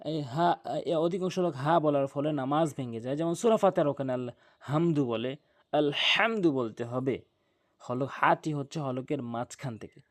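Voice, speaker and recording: A man teaches Quran pronunciation step by step, repeating each letter slowly and patiently. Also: mid-range voice.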